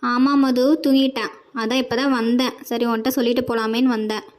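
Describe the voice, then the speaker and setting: A woman's voice: a little high, little pitch movement, a little fast, close to an everyday voice. A woman voicing a bossy, scolding older mother-in-law in a Tamil cartoon, with a harsh way of talking. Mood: calm.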